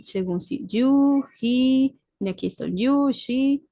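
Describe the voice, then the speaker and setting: A patient female English teacher speaks slowly in a high-pitched, mellow voice during a recorded online lesson. Her explanations mix Spanish and English, and she checks in with "¿sí?". The audio is very dry, without room sound.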